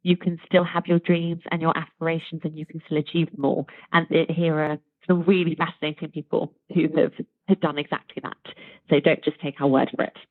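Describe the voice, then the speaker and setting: A woman's voice: low-pitched, little pitch movement, brisk, no echo. A woman, a charity chief executive speaking as a guest in a podcast interview, articulate and enthusiastic. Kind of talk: conversational interview. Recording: tinny phone-like remote line.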